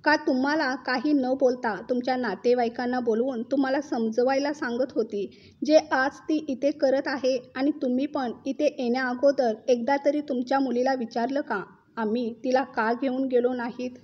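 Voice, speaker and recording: A woman voicing a calm middle-aged mother-in-law who answers in a measured way. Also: high voice, dull audio. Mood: firm.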